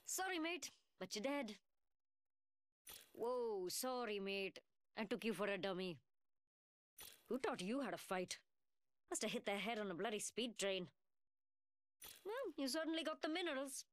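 These video game voice lines feature a woman playing a mocking, cocky young gunsmith with a working-class London accent. Her voice is a little high with lively intonation, unhurried and full of pauses, and her taunts are sarcastic and slangy.

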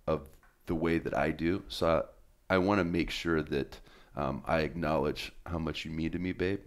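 A man with an extremely deep voice hosts a casual podcast interview. He talks in an earnest, affectionate way, full of ums and uhs. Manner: earnest and affectionate, with frequent fillers. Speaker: podcast host.

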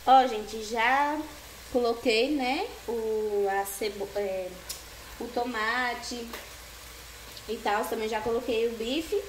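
Speaking slowly in a steady, high-ish voice, a young Brazilian cooking vlogger chats casually to viewers while cooking in her small home kitchen, often checking in with "né, gente?". Filmed by a counter camera partly hand-held over the stove, the tiled room sounds echoey with faint background noise.

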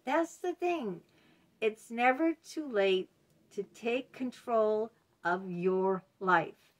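A woman in her late fifties, slightly high-voiced with a fairly bright tone, gives an insistent motivational talk for her self-help video. She's indoors at home among bookshelves, close to a desk webcam, repeating key words and peppering her speech with "you know."

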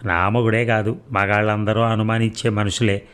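A man's voice: fairly low pitch, flat delivery, moderate pace, a bit bright, clear, resonant tone, natural voice. A man voicing an unhappy young married woman whose lines are pleading and bitter, in a read-aloud story.

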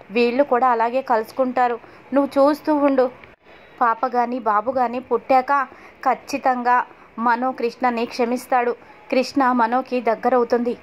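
A woman's voice: sits high, a little hiss or hum, close to an everyday voice. Woman reading as Leelavathi, a comforting elder sister. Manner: soothing reassuring advice. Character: older elder sister figure, calm and comforting. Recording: dull lo-fi audio.

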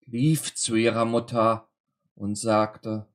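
Slow, deliberate male storyteller. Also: fairly low pitch, little pitch movement. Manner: slow, deliberate, dramatic pauses. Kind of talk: dramatic fairy-tale reading.

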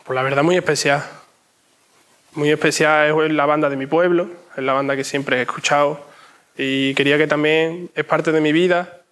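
Slightly high-voiced young man. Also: fairly even intonation, normal speed, fairly bright tone. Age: young adult. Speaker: interview guest. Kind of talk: conversational interview answers. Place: inside an ornate church.

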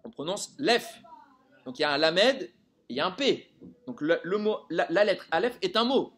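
Man, Torah teacher, lively swooping intonation, fairly high voice, rhetorical questions. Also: brisk. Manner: animated, quizzes listeners with rhetorical questions. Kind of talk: live Torah lesson to a group.

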